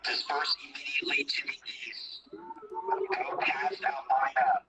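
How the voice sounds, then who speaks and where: A police officer giving formal, commanding dispersal orders through a sound cannon loudspeaker outdoors on a city street. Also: male voice, fairly high pitch, huge pitch swings, slow. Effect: blasted through a police sound cannon loudspeaker. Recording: distant loudspeaker over noisy street.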